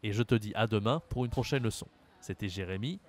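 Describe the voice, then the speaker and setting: With a voice on the low side, a man from France teaches French, speaking directly to the learner and exaggerating the articulation of example words as he goes slowly.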